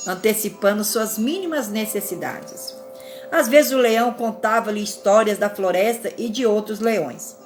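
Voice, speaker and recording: A woman reads a spiritual fable aloud, calm and measured. Her voice sits fairly high, and she now and then corrects a slip. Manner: calm, measured reading with small slips and self-corrections. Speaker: narrator.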